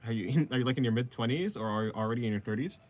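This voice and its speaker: A twenty-year-old art streamer chats easily with his audience while drawing, reading their messages out and answering them. His mid-range voice is a touch mellow, and he talks very fast.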